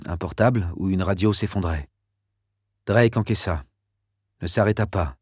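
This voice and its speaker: A male narrator reads an adventure novel in a steady, measured way. His voice sits fairly low and sounds close and dry, with no room around it. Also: no echo. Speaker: audiobook narrator. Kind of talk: scripted narration.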